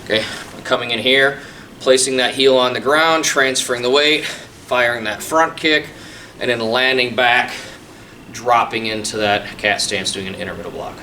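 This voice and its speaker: A man's voice: mid-range voice, normal speed, sharp tone. A man explaining techniques informally as a taekwondo instructor in a tutorial. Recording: distant mic, faint room noise.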